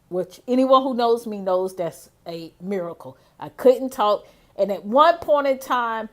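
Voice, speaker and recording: A woman with a somewhat high voice tells a personal story in a casual, excitable way. She gushes, laughs often, and keeps exclaiming as she speaks. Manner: gushing, breathless enthusiasm, laughs often, repeats "oh my gosh". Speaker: vlogger sharing a personal testimonial.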